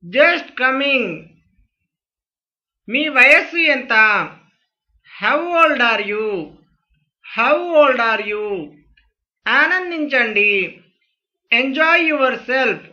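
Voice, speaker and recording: Teacher voice, high-pitched, very slow, each phrase repeated twice, sharp bright tone. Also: animated, dull audio. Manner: says each English phrase twice, slowly and clearly. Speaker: spoken English teacher.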